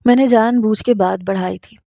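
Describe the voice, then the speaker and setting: A woman narrating a first-person romantic story in a steady, scripted reading style. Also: medium pitch, gravelly, no echo, clean studio sound.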